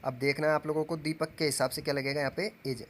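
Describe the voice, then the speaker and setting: A man teaching English grammar as a lesson, dictating example sentences slowly and asking questions that he answers himself. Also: fairly high pitch, flat delivery, slight background noise. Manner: asks the class questions and answers them himself. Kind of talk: classroom-style grammar lesson.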